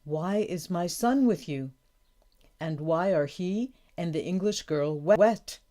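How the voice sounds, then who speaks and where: A woman's voice: lowish voice, expressive, takes it slowly, dark tone. A woman reading aloud and voicing a dignified, grateful village chief in a storybook, earnest and courteous.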